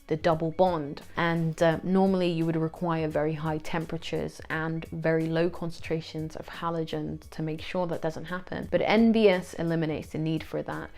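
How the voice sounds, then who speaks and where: A woman tutor with a gravelly, creaky voice reads out revision questions and answers each one, dropping dry asides in between. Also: low voice, flat delivery, normal speed, hardly any pauses, a little mellow, faint music behind.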